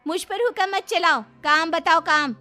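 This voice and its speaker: A woman doing a sneering high-voiced young bride. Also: lively intonation, moderate pace, pushed and bright, faint music behind, full character voice. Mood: scornful. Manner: sneering, haughty. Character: proud, scornful young educated daughter-in-law.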